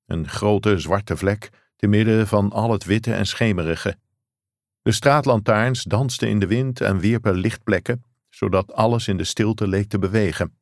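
A man reading a novel aloud as narrator, measured and even. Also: on the low side, dry recording, studio quality. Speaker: audiobook narrator. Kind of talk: scripted narration.

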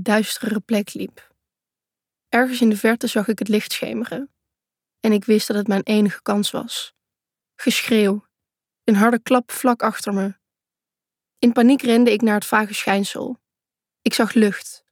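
A woman's voice: medium pitch, a little mellow, no room sound, studio quality. A woman reading a first-person thriller aloud in a tense, urgent way. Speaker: audiobook narrator.

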